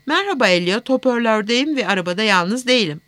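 A woman's voice: fairly high pitch, lively intonation, quick pace, fairly bright tone, no echo, pitched above the performer's own voice. A woman reading the lines of a cool, controlling wealthy young man in an audiobook, curt and clipped.

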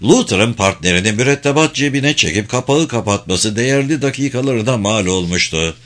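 Man, audiobook narrator, mid pitch, steady measured reading. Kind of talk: scripted narration.

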